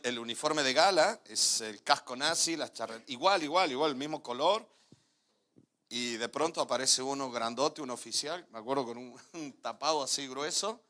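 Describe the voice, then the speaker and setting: An Argentine pastor preaching with a bright, forceful voice. He tells a personal testimony as a story, laughing often, dropping quiet and then rising again. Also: medium pitch. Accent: Argentine Spanish.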